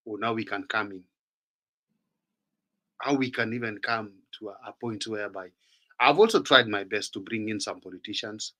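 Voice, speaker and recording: Animated Kenyan man hosting a panel. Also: fairly low pitch. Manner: animated, switches between English and Swahili, mimics others. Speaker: talk show host. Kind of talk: casual panel talk.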